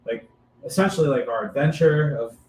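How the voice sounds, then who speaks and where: A man's voice: mid-range voice, a little fast, darkish tone, far from the mic. Rambling male co-host, echoey room. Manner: rambling, loose and jokey. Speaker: podcast co-host. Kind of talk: casual podcast chat. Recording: echoey room with faint noise.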